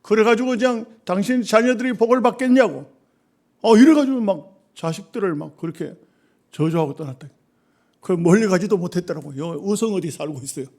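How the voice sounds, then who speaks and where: A middle-aged man, preaching a sermon and telling stories, moving between hushed remarks and loud exhortation. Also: high voice, fairly quick. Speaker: pastor.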